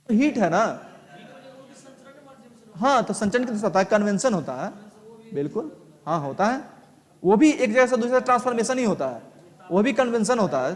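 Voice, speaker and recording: A man's voice: very high voice, in a large hall. A male teacher giving a live online lesson, explaining step by step and checking with students through repeated questions.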